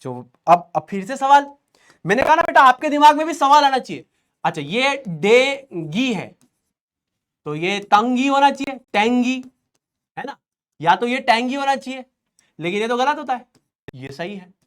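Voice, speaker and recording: High-voiced playful male tutor. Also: big pitch swings, moderate pace, a bit bright. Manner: playful, chatty, jokes with students between quiz polls. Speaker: online class teacher. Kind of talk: live online chemistry class.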